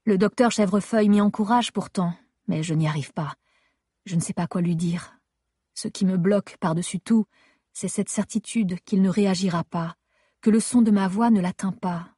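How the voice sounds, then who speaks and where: Husky woman narrating a story softly. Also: mid-range voice, moderate pace, dry recording, clean studio sound. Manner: intimate, restrained, rising to distressed pleading in dialogue. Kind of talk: first-person audiobook narration.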